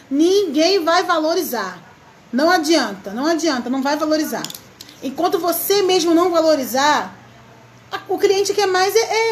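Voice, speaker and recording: High-voiced chatty woman on a live stream. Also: a little hiss or hum. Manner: chatty, greets viewers by name, laughs often. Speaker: craft maker hosting a live stream. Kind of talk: casual live chat.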